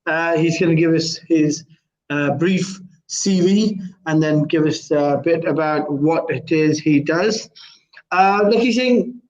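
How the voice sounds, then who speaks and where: A man hosting a casual online interview, halting and often repeating his phrases. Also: fairly high pitch. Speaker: host. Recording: dull lo-fi online call.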